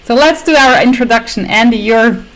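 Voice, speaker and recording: A woman's voice: on the high side, moderate pace, a bit bright. A woman hosting a podcast roundtable, upbeat and encouraging as she introduces her guests. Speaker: podcast host. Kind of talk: hosting a casual video roundtable.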